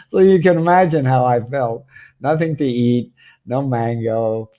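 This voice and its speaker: A man's voice: medium pitch, a little slow, dull audio. An older man telling children a rambling personal travel story, full of ums, restarts and chuckles.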